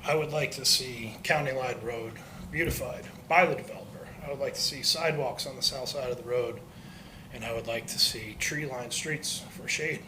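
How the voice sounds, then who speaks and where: A man speaking at public comment in a council meeting, calm, measured and polite. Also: mid-range voice, background noise.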